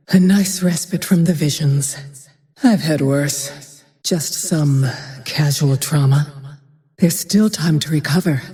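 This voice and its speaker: A woman voicing a grim, vengeful, haunted female ranger hero in a fantasy game, with terse, brooding, breathy lines. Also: low voice, mellow. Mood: defiant, vengeful. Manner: measured, terse, brooding delivery. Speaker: video game voice actor. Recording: long reverb on the voice.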